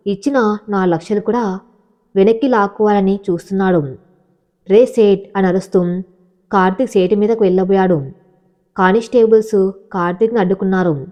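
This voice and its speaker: A woman's voice: medium pitch, mellow. A woman narrating a scripted audio story, reading every character's lines in her own voice.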